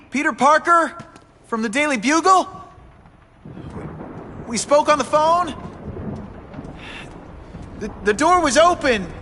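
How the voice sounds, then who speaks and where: An actor playing an earnest young photographer and secret superhero in a video game, boyish, tentative and conversational. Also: male voice, a little high, a bit bright, slight background noise.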